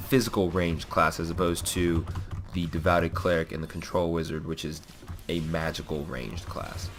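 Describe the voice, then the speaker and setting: Suffering from a cold that leaves his deep, low voice nasal and blocked, a young man comments casually on his gameplay, rambling with frequent "uh," "you know," and self-corrections. Background noise and faint keyboard tapping at his desk can be heard.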